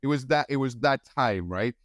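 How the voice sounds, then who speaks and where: A man in his forties from India, a guest on a podcast, telling his story in a relaxed, rambling way with many restarts. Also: mid-range voice, normal speed, no room sound, clean studio sound. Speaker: guest film editor. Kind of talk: casual podcast interview.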